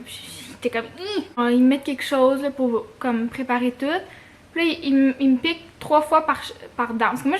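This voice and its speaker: A young woman with a Quebec French accent telling a personal story casually to camera, expressive and slangy, with swearing and English words mixed in. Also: high voice. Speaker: vlogger.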